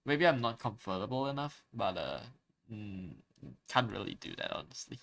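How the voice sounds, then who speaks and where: While drawing on stream, a young native Chinese speaker with a Malaysian English accent chats and rambles, stumbling into fillers and restarts. His lowish, slightly bright voice is expressive with vocal fry, at a moderate pace.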